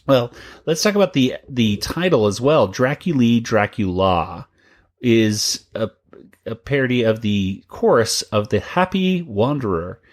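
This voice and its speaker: A man co-hosting a podcast about a cartoon chats casually, rambling a bit with restarts and laughter. His medium-pitched voice has lively intonation, and his pace is a little slow.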